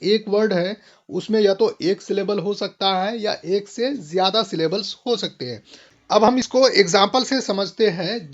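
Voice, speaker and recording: A man with a high voice explains a grammar point as a video lesson. He reads each definition slowly and carefully before going back to his usual explaining pace. The recording sounds dull and lo-fi. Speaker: English teacher.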